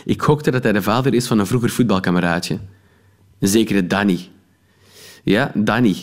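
A man's voice: fairly low pitch, a little mellow. A man with a Flemish accent reading his own column aloud with wry irony. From Belgium. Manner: wry, ironic storytelling.

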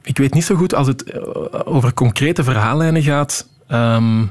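A man's voice: medium pitch, normal speed, a little mellow. A man in his thirties with a Flemish accent, a screenwriter answering interview questions, hesitant and full of ehm fillers. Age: 30s. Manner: hesitant, many ehm fillers, thinking aloud. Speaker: TV screenwriter guest. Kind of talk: radio interview, casual answers.

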